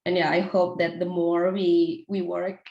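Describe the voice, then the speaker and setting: An Indonesian woman in her thirties, a company founder, gives an informal presentation, speaking haltingly and often restarting phrases, with fillers like "like" and "you know." Her voice is on the low side, flat and a little mellow. The audio sounds dull and reverberant.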